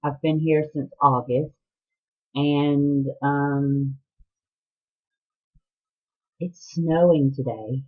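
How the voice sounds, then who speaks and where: Slow-talking Southern woman, tinny sound. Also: deep voice, fairly even intonation. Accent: Southern US, Georgia. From Atlanta, Georgia. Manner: chatty and rambling, laughs often. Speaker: podcast host. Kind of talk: casual video podcast chat.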